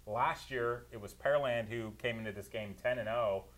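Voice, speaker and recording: His medium-pitched voice is a bit bright and moves at a moderate pace. Working as a producer and analyst, he recaps football games on a talk show with detailed play-by-play, firm opinions and frequent laughter.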